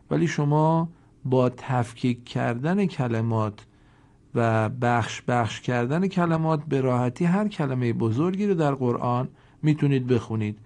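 A man gives a recorded lesson in Quran reading, in a mellow, warm voice at a middling pitch. He explains quickly, then chants each example word slowly and stretches it out, and asks listeners to repeat after him. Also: expressive.

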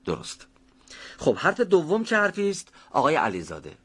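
A man's voice: fairly high pitch, huge pitch swings, a bit bright, breathy edge. A man teaching a pronunciation class, patiently explaining how each sound is made and calling on students by name.

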